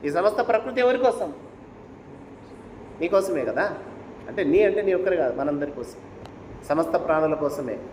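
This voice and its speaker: A man's voice: fairly high pitch, expressive, normal speed, pauses often, darkish tone, a little hiss or hum. A man giving a devotional discourse and telling a sacred story, urging listeners with rhetorical questions. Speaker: spiritual speaker. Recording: echoey hall with faint ambience.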